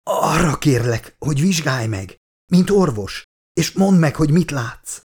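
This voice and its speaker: A man's voice: a little high, lively intonation, a little mellow, husky, pitched above the performer's own voice. Guy doing a sick scientist guy, breathless, pushing the words out. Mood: strained. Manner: strained, short of breath, insistent. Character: sick weakening man, a scientist.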